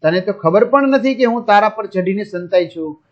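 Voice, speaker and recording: A man's voice: high-pitched, lively intonation, normal speed, dull audio. A man voicing a tiny, clever female ant who teases her friend in a storybook tale for young pupils. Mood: teasing.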